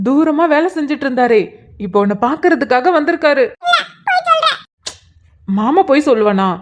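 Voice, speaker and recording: Cartoon role: a woman playing a soft-spoken aunt coaxing a child, high voice, dull lo-fi recording. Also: expressive, normal speed. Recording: dull lo-fi sound.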